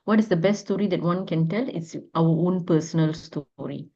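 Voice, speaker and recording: Malaysian lady academic, lowish voice, calm and thoughtful, muffled call sound. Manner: measured and reflective. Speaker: podcast guest, academic. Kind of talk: telling her life story in an interview.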